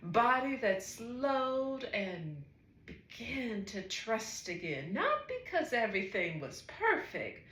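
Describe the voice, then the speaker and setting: Woman doing a soft drawn-out spoken word piece, kinda high voice, echoey room. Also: sing-song. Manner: slow, breathy, lilting delivery with soft exclamations. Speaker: psychotherapist and wellness coach.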